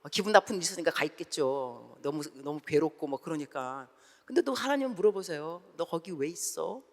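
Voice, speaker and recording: 재미교포 여성 선교사가 큰 예배당에서 설교한다. 억양이 크게 오르내리며 활기차게 이야기를 이어가고, 인물들의 대사를 직접 연기해 들려준다. 소리가 넓은 공간에 길게 울린다. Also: female voice, sits low, fairly quick. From United States. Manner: animated storytelling, acts out dialogue. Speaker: missionary preacher. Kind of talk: sermon. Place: large church sanctuary. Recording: long church hall reverb.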